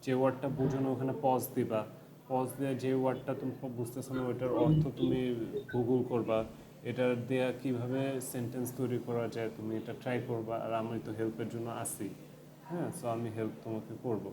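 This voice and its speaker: A male tutor talks students through exam tips in a loose, chatty way, full of fillers, and drops English phrases into his explanations. His voice sits at an ordinary middle pitch. The recording picks up a crowd of voices around him. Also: little pitch movement, brisk. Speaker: IELTS tutor. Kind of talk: casual tutoring lecture.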